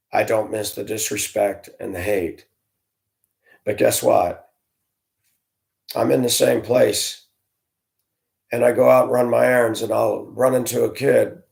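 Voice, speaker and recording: Gravelly earnest man venting. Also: mid-range voice. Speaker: former school bus driver. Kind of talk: candid personal storytelling.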